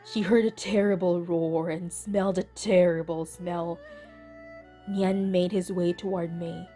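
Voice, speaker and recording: A woman reading a children's picture book aloud in a gentle, deliberate way. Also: fairly low pitch, fairly even intonation. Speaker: storybook reader. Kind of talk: children's read-aloud narration. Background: soft instrumental music.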